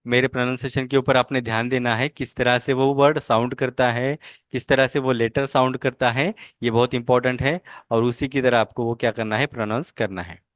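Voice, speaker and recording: A man's voice: mid-range voice, fairly even intonation, a little fast, no echo, studio quality. A man teaching an online language lesson, patiently explaining and repeating each word several times for learners to copy.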